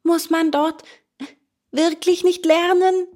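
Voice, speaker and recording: A woman's voice: high voice, fairly even intonation, unhurried, pitched above the performer's own voice. A woman voicing a naive wooden puppet boy in a storybook reading, pleading and protesting in a raised voice. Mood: eager.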